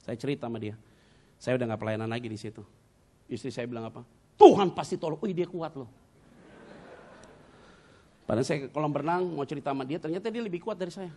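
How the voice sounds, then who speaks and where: A middle-aged male pastor preaches a sermon, dramatically recounting personal stories with sudden loud outbursts and English words mixed in. His medium-pitched voice comes out rapid-fire.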